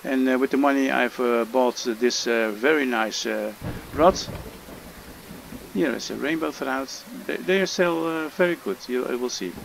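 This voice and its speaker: This Dutch-accented man from the Netherlands talks through a fishing game tutorial in an unhurried, creaky, medium-pitched voice, hesitating often and leaning on fillers. It's casual gameplay commentary from a gamer, recorded with poor audio and slight background noise.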